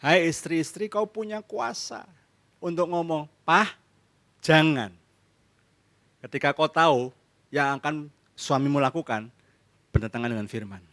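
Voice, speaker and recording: A man's voice: on the high side, unhurried, pauses often, a bit bright. A man preaching a sermon as pastor in a church service, speaking with an Indonesian accent. He asks the congregation questions and answers them himself, acts out couples' arguments, and mixes in English phrases.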